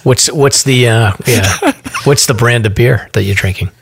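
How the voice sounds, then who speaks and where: A man's voice: mid-range voice, moderate pace, vocal fry, breathy edge. A man co-hosting a podcast, keeping remarks brief and steering the segments. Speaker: podcast co-host. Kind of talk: casual podcast chat.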